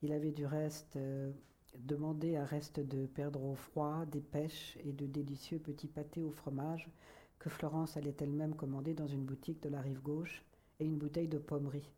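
A woman reading a literary novel aloud in a measured, soft manner that at times sinks to a whisper. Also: deep voice, little pitch movement. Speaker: audiobook reader. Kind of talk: literary audiobook narration.

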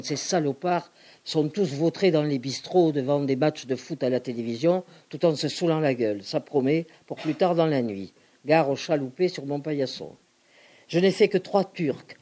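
A woman giving an expressive, outspoken dramatic reading of letters. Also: deep voice, breathy edge. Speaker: reader.

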